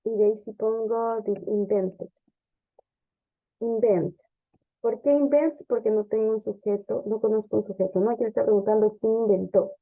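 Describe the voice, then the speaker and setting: Woman, English teacher; patient step-by-step explainer, higher voice, dull lo-fi recording. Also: fairly even intonation, moderate pace, soft background music. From Ecuador. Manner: explanatory, checks understanding with frequent "ok?" and "sí?". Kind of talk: classroom grammar lesson.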